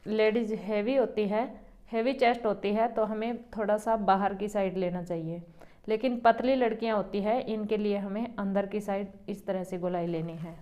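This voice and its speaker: A woman who runs a boutique, calmly explaining step by step how to cut a garment as she works. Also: medium pitch. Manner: calm, explains each step while working. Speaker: boutique owner teaching tailoring. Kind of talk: step-by-step sewing tutorial.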